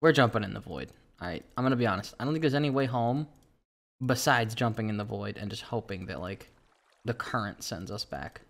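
A man hosting a casual game commentary who swears a lot and swings from panic back to calm. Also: fairly low pitch, brisk, creaky. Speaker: gaming channel host. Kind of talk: casual let's-play commentary.

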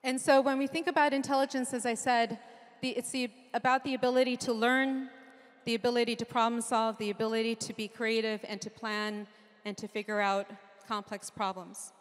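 The recording carries the long reverb of a big conference hall, where a middle-aged woman from Japan gives a keynote with a handheld mic before an audience. Her slightly high voice has a flat delivery and a fairly quick pace. She comes across as earnest with some light humor, and she presents her ideas in rhythmic lists.

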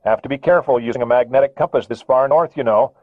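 Speaking fast in a mid-range voice, a male narrator plays a smug American radar controller who needles others with false politeness over the radio. The tone is mock polite, and the dry recording sounds like a tinny radio transmission.

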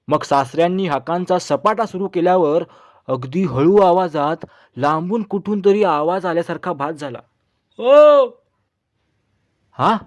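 A man reading a humorous story aloud as narrator, in a lively, expressive way. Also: fairly high pitch, no echo, clean studio sound.

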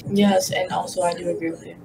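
A woman's voice: on the low side, little pitch movement, normal speed, creaky, noisy background. A young woman on a video chat, giggly and scatterbrained.

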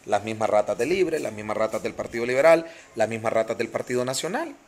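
A man's voice: medium pitch, sing-song, fast talker. A man with a Honduran accent ranting passionately on a live stream, greeting viewers by name and repeating phrases for emphasis. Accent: Honduran Spanish.

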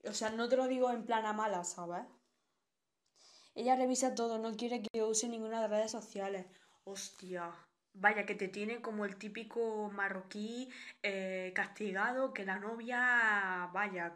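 A woman's voice: medium pitch, fairly bright tone. Blunt, chatty young Spanish woman streamer. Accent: Spanish, from Spain. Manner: chatty, blunt, reads viewer comments aloud. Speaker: live streamer. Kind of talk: casual live-stream chat.

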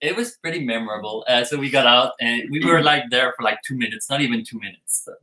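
A man's voice: medium pitch, fast talker, bright, forceful tone, echoey room, poor audio. A man casually telling the story of how he met his partner, chatty and playful. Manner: chatty, playful, laughs often. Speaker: co-host telling their story.

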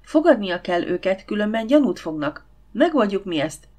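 A woman's voice: medium pitch, big pitch swings, a little mellow. A woman voicing a bossy, outspoken older housekeeper in an audiobook, talking bluntly and grumbling.

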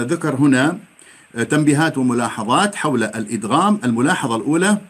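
A man from Iraq, teaching a tajweed lesson and stretching out each example he recites. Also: medium pitch. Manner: drawn-out demonstrative recitation of examples between explanations.

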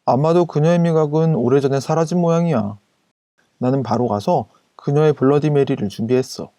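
Man, scripted story narration, casual even delivery, raised pitch, warm tone. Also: brisk, dry recording, clean studio sound. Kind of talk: scripted first-person storytelling.

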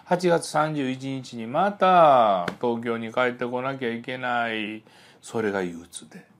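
A man giving a psychology lecture, telling stories in an animated way and voicing the people in them. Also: medium pitch, a little slow, slight background noise. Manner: animated storytelling, voices the people in his stories. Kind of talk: spoken lecture with acted-out dialogues.

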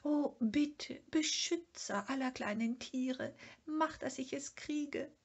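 A woman voicing a small, timid but excitable animal creature in a storybook reading, eager and breathless. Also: sits high, takes it slowly, lo-fi sound, voice pushed up. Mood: pleading.

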